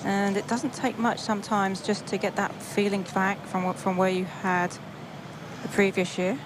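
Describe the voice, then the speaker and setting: A woman's voice: mid-range voice, flat delivery, normal speed. A woman working as a golf commentator, giving analytical live commentary from an outdoor broadcast. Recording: outdoor broadcast with clear background noise.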